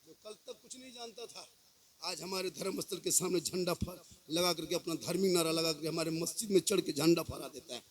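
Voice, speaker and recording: A man in his fifties with a Jharkhand Hindi accent, preaching to a crowd on a microphone, shifting from quiet reasoning to shouted, sung declamation with humorous rhetorical questions. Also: fairly high pitch, a little fast. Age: 50s. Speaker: Islamic preacher. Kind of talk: sermon to a crowd. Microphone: mic through a loudspeaker system.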